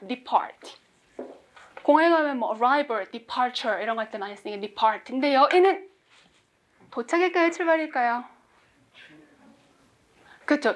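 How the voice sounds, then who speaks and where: High-voiced woman teaching English. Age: 40s. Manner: lively, quizzes the class and jokes. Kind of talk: classroom lecture.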